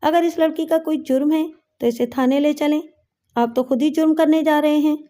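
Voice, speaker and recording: A woman's voice: sits high, fairly even intonation, warm tone, close to an everyday voice. A woman voicing a brave, principled young police officer in a story reading, speaking firmly. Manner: firm and principled.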